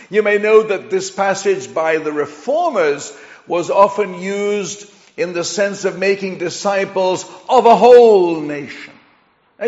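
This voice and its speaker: Speaking in a high register, a visiting pastor from Chile delivers a sermon with an English accent, his tone earnest and conversational with emphatic surges. The audio sounds dull and echoes like a hall.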